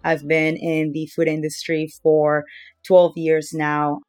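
A woman talks through her career and business as a podcast guest. Her delivery is steady and explanatory, with little rise and fall in pitch. The sound is dry, with no room echo. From Peru. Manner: explanatory, steady, with occasional fillers. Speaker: company founder as guest. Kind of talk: conversational interview answers.

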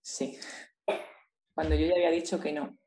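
A woman with a Spain Spanish accent tells a personal story to an interviewer. Her voice sits a little low, and her telling is intense and emotional, close to the surface throughout. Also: level tone, normal speed, background noise. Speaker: interview guest.

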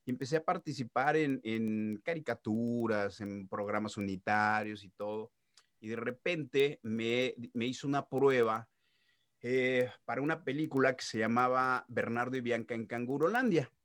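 A middle-aged man, talking casually about his voice work. He tells stories in an animated way, tossing in little sound effects and restarting his sentences. His voice sits at an ordinary pitch and sounds close and dry. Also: moderate pace, no echo. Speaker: voice actor guest. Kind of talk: casual interview storytelling.

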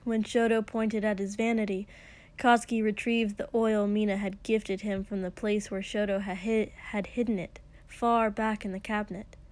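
A woman narrating an intimate story in a slow, hushed, breathy way, sometimes dropping into a whisper. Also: mid-range voice, little pitch movement. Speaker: audiobook reader. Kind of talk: intimate fan fiction reading.

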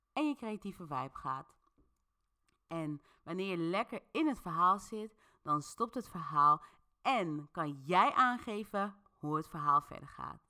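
On her podcast, a woman with a lowish voice tells an interactive story, keeping things easygoing and conversational as she addresses the audience head-on.

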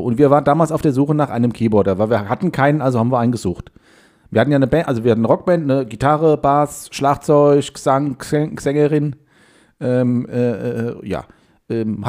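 A man in his forties, a podcast co-host, telling a long casual story in a rambling, halting way full of fillers and restarts. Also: mid-range voice, darkish tone.

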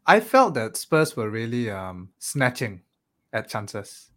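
A man's voice: medium pitch, big pitch swings, slow, bright, forceful tone. Hesitant thoughtful man chatting. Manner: thoughtful, hesitant, many "um"s and "right?". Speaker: podcast co-host. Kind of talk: casual chat.

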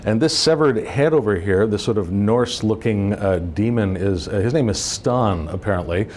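A middle-aged man with a lowish voice explains his field in a relaxed interview. He is recorded indoors in a hallway, with slight ambient noise behind him. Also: normal speed. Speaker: makeup department head, interview guest.

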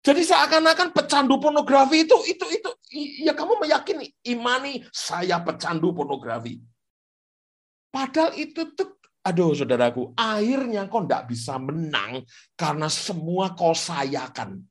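Animated preaching man. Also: extremely high pitch, moderate pace. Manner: animated preaching, repeating phrases for emphasis. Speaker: pastor. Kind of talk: sermon. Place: radio studio.

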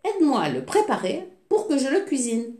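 A woman voicing a giantess, the ogre's wife, who talks briskly and scolds. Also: sits high, huge pitch swings, dark tone, voice pushed up. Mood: scolding. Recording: echoey room.

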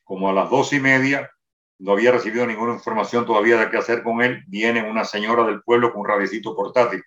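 An older man recounts a memory in rapid, detailed first-person testimony, often restarting his phrases. His voice sits a bit low and reaches the listener from a distance. The room around him is roomy and the sound is dull. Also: steady tone, a bit bright. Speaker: interviewee recounting a wartime memory.

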